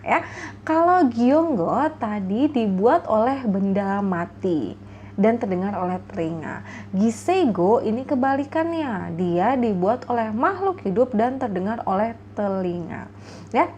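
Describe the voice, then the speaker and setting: A woman teaching a language lesson, explaining each word slowly and playfully imitating animal sounds, with frequent tag questions. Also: on the high side, darkish tone, slight background noise.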